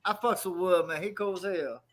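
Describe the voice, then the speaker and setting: A man's voice: high-pitched, normal speed. A man guesting on a sports show, chatting casually in friendly slang.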